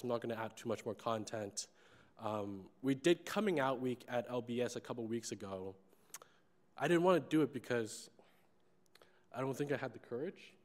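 A young man from China speaks to a conference audience from a large stage, holding a microphone. His tone is candid and earnest, with hesitations and fillers. The sound carries the long reverb of a large hall. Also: mid-range voice. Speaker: conference organizer giving closing remarks. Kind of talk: personal speech on stage. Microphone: handheld microphone.

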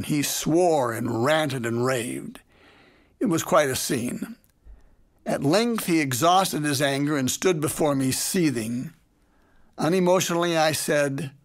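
A man, a parenting educator, telling a classroom story in measured, deliberate scripted narration. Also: fairly high pitch. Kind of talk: scripted narration of a lecture anecdote.

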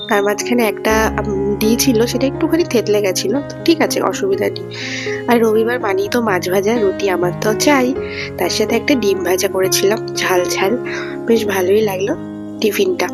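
A young woman chatting to viewers in a casual daily vlog, her voice hoarse from a sore throat. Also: mid-range voice. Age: young adult. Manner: chatty and fast, addressing viewers directly. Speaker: vlogger.

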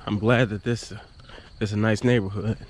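A man's voice: lowish voice, fairly even intonation, a little fast. A young man vlogging a giveaway, chatty and joking with a nervous edge, talking from inside a car at night. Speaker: YouTuber doing a giveaway. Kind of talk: casual vlog narration. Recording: noisy vlog audio with car noise.

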